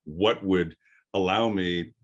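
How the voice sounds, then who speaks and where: A middle-aged man with a deep, firm voice gives an informal workshop lecture as a voice acting coach, explaining haltingly with pauses for thought. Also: muffled recording.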